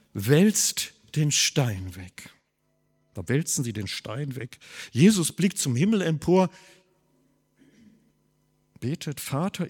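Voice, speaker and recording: Husky preaching man in a reverberant hall. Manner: animated preaching, swinging from loud emphasis to quiet low asides. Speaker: pastor. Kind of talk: sermon.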